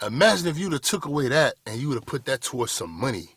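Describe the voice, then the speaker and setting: A blunt motivational speaker in his 30s lectures viewers through a camera mic, calling them "y'all boys" in a preachy way. His medium-pitched voice is very animated, fast, slightly bright and husky. The studio-quality audio carries no room sound.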